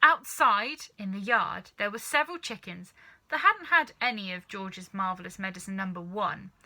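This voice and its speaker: A storybook reader with a mid-range voice reads a children's story aloud, narrating expressively and deliberately.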